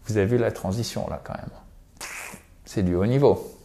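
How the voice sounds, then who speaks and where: A man's voice: on the low side, creaky, dark tone, slight background noise. Chatty male teacher drilling English words. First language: French. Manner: chatty, jokey, switches between French and English; drills words slowly, repeating them for pronunciation. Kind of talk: vocabulary lesson for French speakers.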